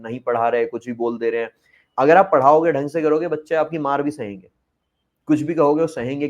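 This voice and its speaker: A man's voice: medium pitch, a little mellow, muffled recording. A man, a former school teacher, speaking outspokenly in a casual interview and mixing English phrases into his talk. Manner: outspoken, mixes English into Hindi.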